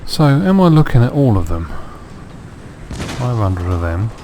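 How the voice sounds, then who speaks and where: A man's voice: mid-range voice, very animated, measured pace, heavy background noise. A man with a sore throat giving dry, wry let's play commentary on a strategy game. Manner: dry, wry self-mocking asides. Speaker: gameplay commentator.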